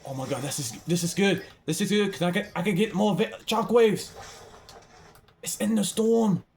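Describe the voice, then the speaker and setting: A young man giving excitable live commentary while playing a game, swinging from hushed mumbling to yelling. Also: high voice, normal speed, a little hiss or hum. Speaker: gamer.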